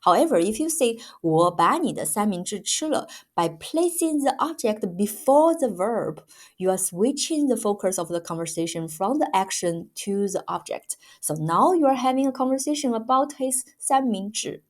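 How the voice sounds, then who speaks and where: A woman's voice: fairly high pitch, lively intonation, moderate pace. A woman giving a patient, emphatic grammar lesson as a language teacher, repeating each example.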